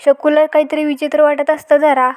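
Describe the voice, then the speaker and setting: A woman with a Marathi accent recapping a TV serial episode in steady storytelling narration. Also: high-pitched, brisk.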